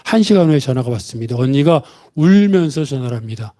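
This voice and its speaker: A man's voice: medium pitch, lively intonation, quick pace, dark tone. A male pastor preaching a Sunday sermon, telling a story and acting out the voices of the people in it.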